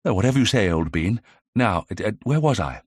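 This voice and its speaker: Man as a young 1920s gentleman detective, brisk, theorizing, low husky voice, dry recording. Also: lively intonation, no room sound. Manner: brisk, self-assured. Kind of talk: audiobook character reading.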